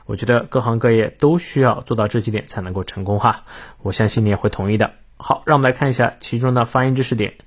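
A man's voice: medium pitch, fast, slightly rough. A man hosting a daily English lesson, explaining word by word and drilling a quote aloud, with casual filler particles. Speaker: English teacher and host.

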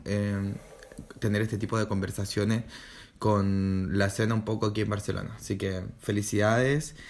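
A young drag performer with a Chilean accent, talking in a relaxed podcast interview and often pausing to search for words. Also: male voice, lowish voice. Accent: Chilean Spanish. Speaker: drag artist guest.

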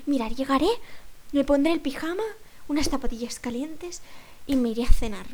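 A fussy, chatty older lady at a bus stop, as a young woman puts her on, exclaiming in a high, bright voice. She frets and rambles with flustered concern. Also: moderate pace, natural voice.

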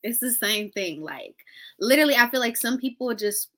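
A woman's voice: fairly high pitch, moderate pace. A woman hosting a live show in a casual, slangy, playful way, chatting with viewers and leading a short prayer. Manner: lively, slangy, playful and laughing. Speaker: host of a live interview show. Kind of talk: casual livestream chat with prayer.

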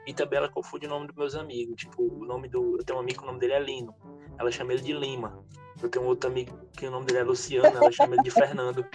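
A young man tells lively, slangy anecdotes about his grandmother in a casual chat. His voice sits at a middle pitch. Music plays clearly in the background.

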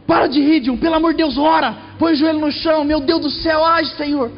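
A man voicing a panicking middle-aged mother who prays loudly and pleads in frantic, shrill cries. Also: fairly even intonation, fast talker. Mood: frantic praying. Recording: echoey hall, muffled sound.

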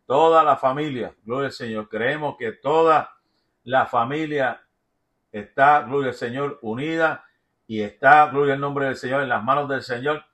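A pastor leading an intercessory prayer, a man whose voice comes through bright and forceful. He prays with fervor and keeps repeating short phrases of praise between his lines. Now and then he reads out prayer requests. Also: medium pitch, moderate pace. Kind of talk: fervent prayer broadcast.

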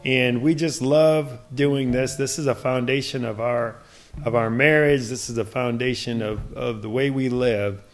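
A middle-aged man co-hosts a devotional podcast in an earnest, easygoing way, laughing often. His voice sits at an ordinary middle pitch for a man. Faint music runs underneath. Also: steady tone, a little slow. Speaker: podcast co-host. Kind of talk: devotional casual chat.

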